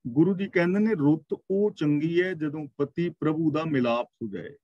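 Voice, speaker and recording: A man teaching a scripture class, explaining verses word by word and slowly intoning the quoted lines. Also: a little high, mellow, no echo, highs cut off. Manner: explains verse word by word, slow chanted quotations. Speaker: katha teacher. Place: gurdwara class, online. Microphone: video call.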